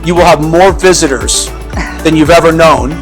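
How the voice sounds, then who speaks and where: Soft music sits behind this rough recording of a real estate agent touring a large house. His fairly high voice moves at normal speed, and his casual commentary is upbeat, filler-heavy, and quick to laugh.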